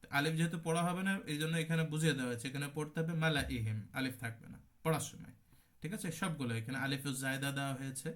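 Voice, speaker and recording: A man's voice: on the high side, rapid-fire, fairly bright tone. A man with a Bangladeshi Bengali accent teaching an online Quran recitation class. He explains patiently, repeats terms and demonstrates how words are recited.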